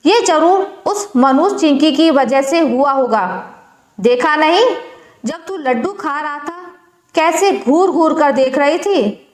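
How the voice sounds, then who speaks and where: A woman's voice: sits high, animated, takes it slowly. A woman voicing a harsh, scolding stepmother who taunts the children. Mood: scornful. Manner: scornful, taunting. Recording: echoey room.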